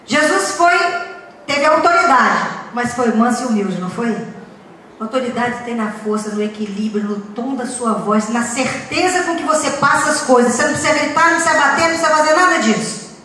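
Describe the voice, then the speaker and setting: A woman's voice: on the high side, brisk, pushed and bright. A woman giving a talk to parents, speaking emphatically with rhetorical questions and humorous anecdotes. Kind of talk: lecture to parents. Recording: echoey hall, distant mic, faint noise.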